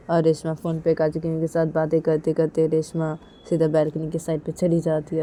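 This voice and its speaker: A woman tells a romance story in a relaxed, casual way, chaining events with simple repeated phrasing. Her voice sits low and sounds mellow and warm. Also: slight background noise. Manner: simple, repetitive phrasing with many linking 'then's.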